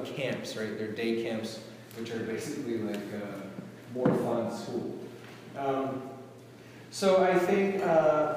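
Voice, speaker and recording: A man's voice: medium pitch, a little mellow, a little hiss or hum. A middle-aged man, a camp director, gives a speech to an audience, hesitant, with many fillers and restarts, recorded from a distance in a large hall. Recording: roomy hall, distant mic, faint ambience.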